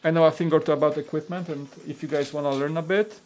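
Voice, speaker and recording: A Polish man with a Polish accent hosts a casual live stream chat, reading out viewer comments. His voice is on the high side and fast, and he rambles in a relaxed way with lots of fillers and restarts over soft background music.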